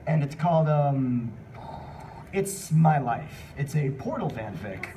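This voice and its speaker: Answering questions from the crowd, this live fan panel host jokes and rambles casually without a script. He speaks slowly with lively intonation in a medium-pitched, dark-toned voice, recorded from a distance amid the noisy room.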